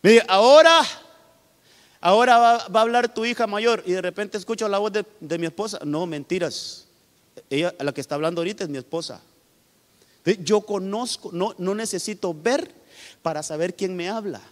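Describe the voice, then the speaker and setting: A man's voice: high voice, fairly quick. A male pastor from Honduras preaching a sermon with emphatic delivery, often calling out to his listeners directly. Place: church hall. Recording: long hall reverb.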